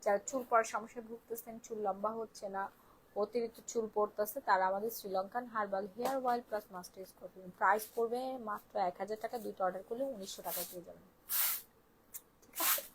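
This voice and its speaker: A woman's voice: mid-range voice, fairly even intonation, fast talker, a little hiss or hum, rough recording. A woman selling skincare on a phone live stream, repeating prices in pushy sales patter while sounding tired and unwell. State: tired and unwell, speaks softly. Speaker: online shop seller.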